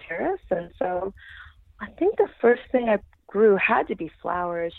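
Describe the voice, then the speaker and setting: A woman's voice: on the low side, vocal fry, no room sound. A woman with a New York City accent who drops T's and word endings, chatting casually as an interview guest. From New York City, Lower East Side of Manhattan. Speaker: podcast guest, farm school director. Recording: thin phone-like radio line.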